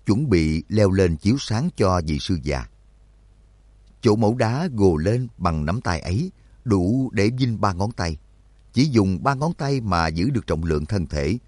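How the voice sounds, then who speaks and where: Male narrator, deep, animated storytelling, dry close-mic audiobook read. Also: no room sound. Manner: expressive storytelling, voices for characters. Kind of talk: scripted narration.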